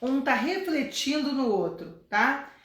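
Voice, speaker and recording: A Brazilian woman teaching English in a chatty classroom manner. She repeats herself for emphasis. Her voice sits a little high and sounds echoey in the room. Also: sing-song, slow pace, a bit bright, slight background noise. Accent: Brazilian Portuguese. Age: 50s. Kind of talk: casual classroom explanation.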